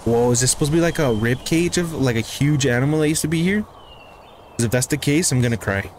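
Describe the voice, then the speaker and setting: A man's voice: medium pitch, a little fast, slight background noise. Chatty young man narrating his gameplay. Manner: chatty and excitable, talks to himself while playing. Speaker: gaming YouTuber. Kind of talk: casual gameplay commentary. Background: game music.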